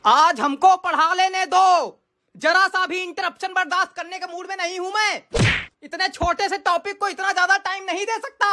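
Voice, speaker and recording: A woman's voice: high-pitched, animated, normal speed. Woman playing a fed-up male math teacher. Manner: exasperated, grumbling rants. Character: flustered middle-aged male math teacher, short-tempered. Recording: noisy home recording.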